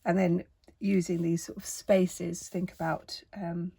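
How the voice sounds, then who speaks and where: Croaky, husky middle-aged woman. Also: lowish voice, flat delivery, unhurried, mellow. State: under the weather, tired. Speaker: artist and art teacher giving a tutorial. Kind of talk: casual spoken doodle tutorial.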